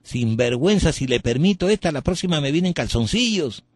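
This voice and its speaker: A shrill, furious old priest, put on by a man retelling the scene, scolding with contempt and his voice jumping high. The sound is dry and close, with no room around it. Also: very animated, moderate pace, a bit bright, no echo, heavily acted. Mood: scornful. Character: angry scolding older male priest.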